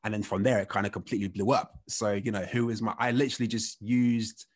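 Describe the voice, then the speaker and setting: Guy in his 30s, lowish voice, chatty podcast guest, lots of "you know"s. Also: fast talker, husky. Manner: relaxed, rambling, heavy on "you know" fillers. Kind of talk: casual storytelling interview.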